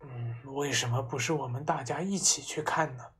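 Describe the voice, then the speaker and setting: A woman voicing a nervous, cowardly father who mutters low. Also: normal speed, fairly bright tone. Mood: timid.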